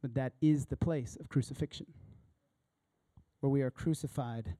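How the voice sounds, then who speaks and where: A man's voice: medium pitch, fairly even intonation, moderate pace, dry recording. A man preaching a sermon in an emphatic, impassioned way. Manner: emphatic, impassioned, often loud.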